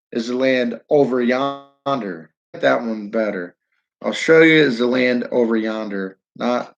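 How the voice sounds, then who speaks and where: The sound is lo-fi as a man of medium pitch with a northern New York accent hosts a casual livestream from his downtown building. He rambles, keeps restarting sentences and talks to viewers by name.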